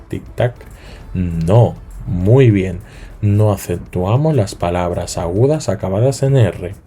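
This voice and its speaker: A man's voice: fairly low pitch, warm tone. A man teaching a lesson, spelling points out and often checking in with rising questions. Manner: repeats and spells out points slowly. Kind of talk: explanatory lesson.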